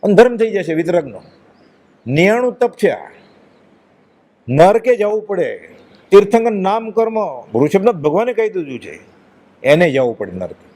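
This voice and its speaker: An emphatic man delivers a devotional discourse, pressing his points with rhetorical questions. His voice is somewhat high for a man. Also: sing-song, normal speed, long pauses, warm tone. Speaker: religious speaker.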